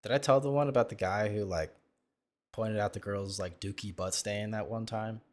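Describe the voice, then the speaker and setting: Crude, rambling low-voiced man. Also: normal speed. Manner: crude, self-mocking, full of fillers and restarts. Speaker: streamer reacting to videos. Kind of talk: casual rambling storytelling.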